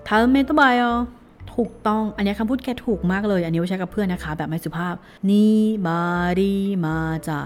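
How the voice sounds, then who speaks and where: A woman with a mellow, relaxed tone leads a language lesson, drawing each phrase out one syllable at a time before repeating it smoothly at full speed. Her delivery is cheerful and encouraging. Soft music plays faintly underneath her. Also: mid-range voice, fast talker. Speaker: Korean language teacher. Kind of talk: language lesson, reading phrases slowly then fast.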